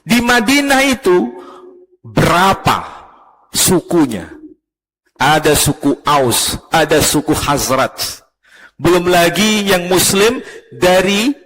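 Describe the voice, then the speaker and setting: High-voiced man lecturing in a hall. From Surabaya, East Java, Indonesia. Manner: lively teacher who quizzes the audience. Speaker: professor giving a religious talk. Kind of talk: religious lecture to a live audience.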